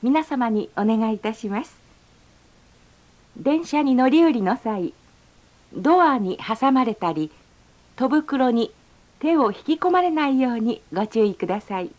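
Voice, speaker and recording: A woman reading a polite, formal onboard train announcement, slowing down to stretch out each station name. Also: a little high, lively intonation, darkish tone. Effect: recorded onboard train announcement. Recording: slightly dull lo-fi sound.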